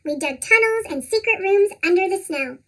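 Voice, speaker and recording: A storybook narrator reads for children in a squeaky, sped-up-sounding chipmunk cartoon voice. The pitch is extremely high and swings around in a lively, expressive way. The tone is bright and sharp throughout. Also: normal speed. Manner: animated, expressive read-aloud. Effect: pitched-up chipmunk voice effect.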